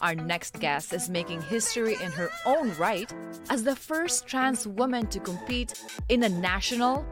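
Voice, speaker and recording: A woman narrating a scripted news feature segment in a polished, measured storytelling delivery. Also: medium pitch, animated. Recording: music bed underneath.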